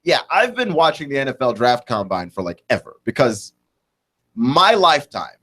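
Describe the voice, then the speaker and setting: A man's voice: medium pitch, sing-song, normal speed, a bit bright. Twenty-something man rambling on sports radio. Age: 20s. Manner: rambling, thinks aloud with many restarts and "like, right?" tags. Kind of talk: solo sports talk radio monologue.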